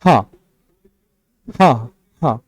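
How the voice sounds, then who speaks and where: A man's voice: very slow, dry recording, poor audio. A young man teaching a class, patiently explaining step by step and counting syllables aloud. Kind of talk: classroom lecture on Hindi prosody.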